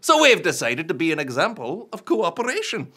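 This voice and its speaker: A man's voice: fairly high pitch, huge pitch swings, brisk, sharp tone, husky, full character voice. A man playing a boastful Scottish rapper in a kids' church comedy sketch, with a put-on Scottish accent and hammy, jokey patter.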